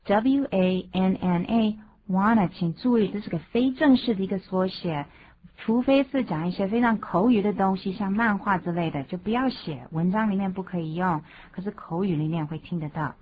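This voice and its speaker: Husky-voiced woman co-hosting a radio lesson. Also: mid-range voice. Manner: clear, measured model-sentence reading and explaining. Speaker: co-host of radio English lesson. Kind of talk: bilingual radio lesson, reading example sentences. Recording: tinny phone-like band.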